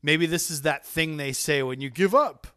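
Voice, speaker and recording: A man hosting a podcast, chatting casually in a rambling, animated way that often stops and restarts mid-sentence. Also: a little high, normal speed, clean tone, dry recording, clean studio sound. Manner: rambling, self-interrupting, animated. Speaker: podcast host. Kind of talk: casual chat.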